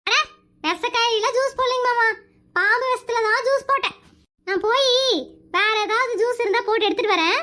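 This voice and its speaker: A woman performs her own comedy skit in a teasing, innocent deadpan. Her voice is extremely high and bright. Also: normal speed. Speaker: skit creator playing a daughter-in-law.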